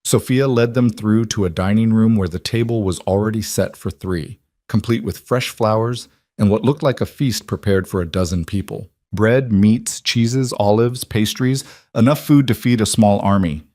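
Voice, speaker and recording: A man narrating a scripted story in an even, measured audiobook manner. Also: lowish voice, dry recording, clean studio sound.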